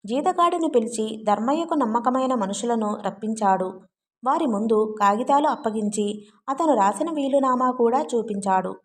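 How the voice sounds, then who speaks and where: A woman narrating a family novel as an audiobook in a steady, even storytelling manner. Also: fairly high pitch, normal speed. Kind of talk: scripted narration.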